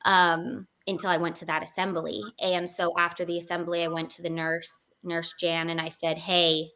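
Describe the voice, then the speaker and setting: A woman's voice: lowish voice, flat delivery, moderate pace, fairly bright tone. A young woman in her twenties speaking as an interview guest, telling a personal story candidly with frequent fillers.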